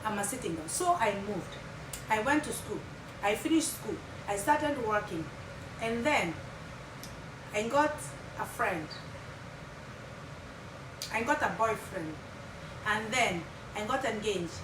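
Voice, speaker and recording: A Kenyan woman in her thirties, whose first language is Kimeru, tells her story to viewers in a chatty vlog, speaking with a Kenyan accent and dropping in Swahili phrases. Her medium-pitched voice is animated and slow, with long pauses. It's recorded from far off in an echoey room with a loud background hum.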